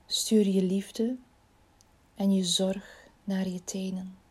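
A woman leading a guided body-scan relaxation in a slow, soothing, soft voice that often drops near a whisper. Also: mid-range voice, flat delivery, slightly rough.

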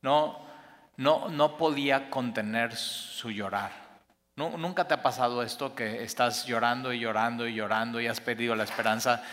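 A man preaching a sermon, expressive, building to emphatic peaks and then dropping soft. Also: medium pitch, moderate pace, long reverb tail, a little hiss or hum. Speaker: pastor.

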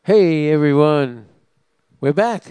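A man's voice: on the high side, lively intonation, slow, warm tone, clear, resonant tone, dry recording. An older man with a Brooklyn accent, co-hosting a community radio show with affable, agreeable banter. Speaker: co-host. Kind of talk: casual radio chat.

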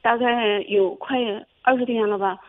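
A young woman calling in to a radio advice show, telling her story haltingly with many restarts. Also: fairly high pitch, steady tone. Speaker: caller. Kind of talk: phone-in advice call. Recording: tinny phone line.

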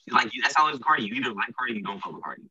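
A man co-hosting a podcast in casual chat, loose and animated, often trailing off and restarting. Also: medium pitch, racing, far from the mic, over a noisy crowd. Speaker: podcast co-host. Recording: muffled, off-mic.

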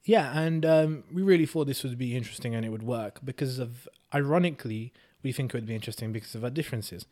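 A man's voice: mid-range voice, fast talker, few pauses, warm tone. A man chats casually as a podcast co-host. His voice sits in an ordinary middle register. He talks in a wry, joking, self-deprecating way. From Hungary. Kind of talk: casual chat.

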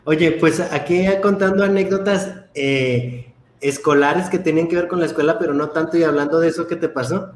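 A man from northern Mexico hosts a relaxed chat, spinning playful stories. His voice sits a bit high and rings in an echoey room. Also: moderate pace, a little hiss or hum. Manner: storytelling, playful. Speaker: host. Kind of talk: casual chat.

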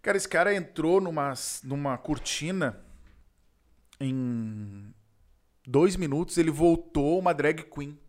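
A man from southern Brazil with a Gaúcho accent, telling a story in casual chat, animated and slangy, acting out the voices of the people in it. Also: a little high, slow pace. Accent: Gaúcho Brazilian Portuguese. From Rio Grande do Sul, Brazil.

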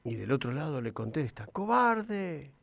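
A man telling a fable in measured, dramatic scripted narration, shouting out the characters' cries. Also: a little high, dry recording, studio quality. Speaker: radio storyteller.

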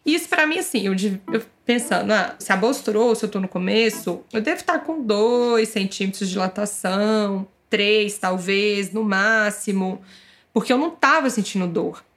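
A young adult woman casually telling her own birth story, acting out the dialogue in lively turns. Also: mid-range voice, normal speed. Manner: lively, acts out quoted dialogue.

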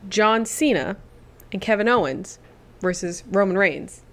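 Lively-voiced wry woman co-host. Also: mid-range voice, unhurried. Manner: wry, laughing. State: sleep deprived. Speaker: podcast co-host. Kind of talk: casual chat.

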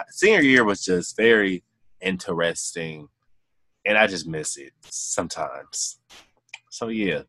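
Young male co-host, lowish voice, dry close sound, easygoing rambly delivery. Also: no room sound. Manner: relaxed, rambling with fillers. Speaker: podcast co-host. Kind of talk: casual podcast chat.

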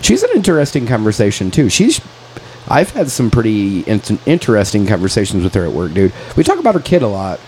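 A man in his late thirties talks on a casual podcast, his voice sitting low. He swears freely and drops dude into every sentence. A faint background hum runs under the recording. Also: wildly swooping pitch, fairly quick, mellow, rough recording. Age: 30s. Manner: profane, calls everyone dude, venting frustration. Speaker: podcast co-host. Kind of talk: casual chat.

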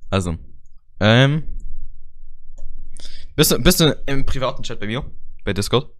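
A young man hosting a casual podcast from an online call, his mid-range voice strained after a night of shouting. He jokes, throws in slang and laughs often. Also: medium pitch, animated, unhurried, no room sound. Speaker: podcast host.

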